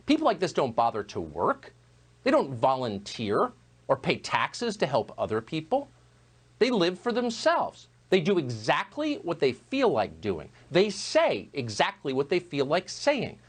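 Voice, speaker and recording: Tv host guy doing his opening monologue, animated pitch, a bit raspy. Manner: measured, emphatic delivery. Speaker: news host. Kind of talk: scripted opinion monologue.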